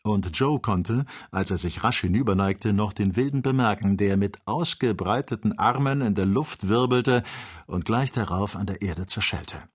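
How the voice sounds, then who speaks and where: A man reading an adventure novel aloud as an audiobook, with measured, expressive storytelling. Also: lowish voice, husky. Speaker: audiobook reader. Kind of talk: scripted audiobook narration.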